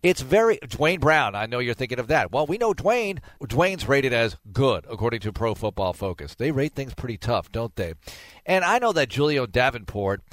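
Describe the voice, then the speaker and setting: A man's voice: medium pitch, sing-song, normal speed, a bit bright, dry recording. A middle-aged man hosting a sports talk show, speaking conversationally and emphatically with rhetorical questions. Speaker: sports radio host.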